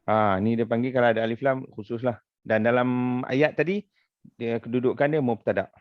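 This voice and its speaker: A man's voice: mid-range voice, steady tone, fairly quick, no echo, dull audio. A man with a Malaysian accent teaching an Arabic grammar lesson as a religious teacher, patiently explaining with repeated examples.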